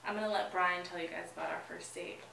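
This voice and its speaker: A woman in her mid twenties chats casually on a vlog with a bright, sharp voice, teasing her partner and laughing at his jokes. She was recorded from a distance in an echoey room with a faint hiss behind her. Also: on the low side, fairly even intonation, quick pace, vocal fry. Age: 20s. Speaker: vlog co-host. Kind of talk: casual chat.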